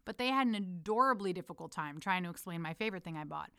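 A woman's voice: fairly low pitch, lively intonation, fast talker, a bit bright, clear, resonant tone, no room sound, clean studio sound. A woman from the United States reading her personal letter aloud, intimate and playful, calling the listener her love. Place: lives in Amsterdam.

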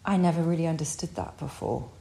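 A woman's voice: sits low, quick pace, vocal fry, warm tone. A woman co-hosting a podcast, talking in a thoughtful, easygoing way. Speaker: podcast co-host. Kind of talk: relaxed conversation. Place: home by a fireplace.

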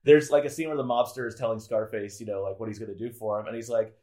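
A man in relaxed podcast conversation, rambling and self-interrupting with lots of filler words, candid and sometimes swearing. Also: lowish voice, fast. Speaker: podcast guest. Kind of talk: casual conversation.

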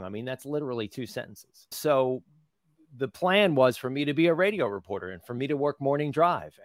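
A man's voice: mid-range voice, no room sound. A man in his fifties from the United States, a guest in an interview, telling stories in a chatty way and laughing often. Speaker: guest, public relations professional. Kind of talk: conversational interview.

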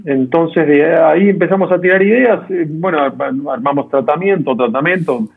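With a fairly high, gravelly, husky voice at normal speed, a man with an Argentine accent is interviewed as a guest about his documentary directing. He answers in a conversational way, and the audio has the narrow, tinny quality of a phone call.

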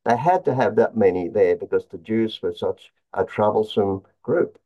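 A man explaining conspiracy theories as an interview guest, in a halting way, often repeating words and restarting his phrases. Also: lowish voice, expressive, mellow. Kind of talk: conspiracy talk, explaining slides. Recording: dull, lo-fi sound.

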